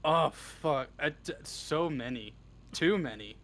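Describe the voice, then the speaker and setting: A man's voice, on the high side, fairly bright, animated yet slow, belongs to an audio roleplay script writer interviewed casually as the guest writer. He hesitates and thinks aloud while answering, and the background is clearly noisy.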